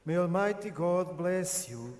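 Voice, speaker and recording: A man leading the closing prayer and blessing as a priest, with a slow, solemn intoning manner, in cathedral echo. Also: high voice, lively intonation, darkish tone, slight background noise. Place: large church. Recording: echoey church with long reverb.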